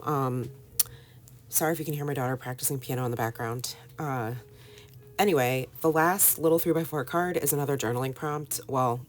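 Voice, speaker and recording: A middle-aged woman talks through a casual home voiceover in a very deep, low voice. She sounds sick and hoarse. Her delivery is relaxed and chatty, with plenty of "um" and "like". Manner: chatty, relaxed with many fillers. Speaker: scrapbooking vlogger.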